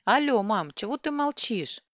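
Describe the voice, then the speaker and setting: A woman's voice: fairly high pitch, big pitch swings, unhurried, a bit bright, no echo, clean studio sound, voice pushed up. A woman voicing a distraught young woman who is crying and pleading. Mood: frantic shouting.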